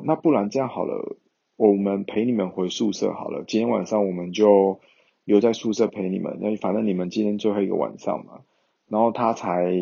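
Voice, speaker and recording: A man's voice: lowish voice, gravelly, warm tone, breathy edge, muffled recording. A young man, chatting casually to viewers in a rambling way with many fillers. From Taiwan.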